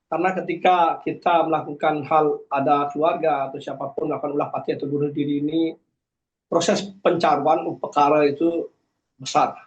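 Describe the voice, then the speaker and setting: A man's voice: a little high, steady tone, moderate pace. A man, a guest giving earnest, preachy personal testimony with frequent hesitations. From Karangasem, Bali. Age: 40s. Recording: dull lo-fi sound.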